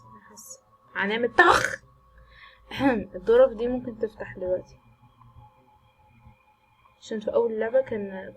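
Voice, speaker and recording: A woman's voice: mid-range voice, husky, poor audio. A woman with an Egyptian Arabic accent giving jumpy, chatty commentary while playing a horror game, reacting aloud to scares and mixing in English words. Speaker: gaming channel host.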